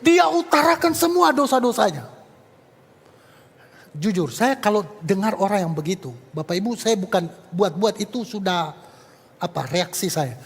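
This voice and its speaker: High husky-voiced preacher guy, acting out stories, church reverb. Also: moderate pace, long pauses. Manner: animated storytelling, acting out dialogue, addressing congregation. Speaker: evangelist preacher. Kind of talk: sermon with acted anecdotes. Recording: echoey church hall.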